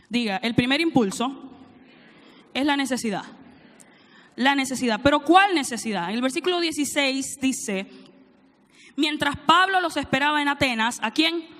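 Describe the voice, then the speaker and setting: Woman, preacher, sermon, high voice, reads scripture, call-and-response with congregation, long hall echo. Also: fairly bright tone. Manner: reads scripture aloud, prompts congregation to answer. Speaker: preacher, church teaching director.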